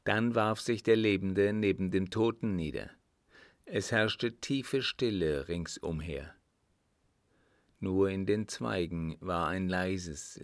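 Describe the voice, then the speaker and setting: A man reading a classic novel aloud in a measured, solemn manner. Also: sits low, no room sound, clean studio sound. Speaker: audiobook narrator. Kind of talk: scripted narration.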